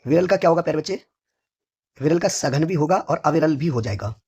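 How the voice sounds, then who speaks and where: A hoarse man teaching a vocabulary lesson for exam preparation, who asks each question, answers it himself, and keeps addressing his students fondly. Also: on the high side, animated, a little fast, a little mellow. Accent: North Indian Hindi. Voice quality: husky.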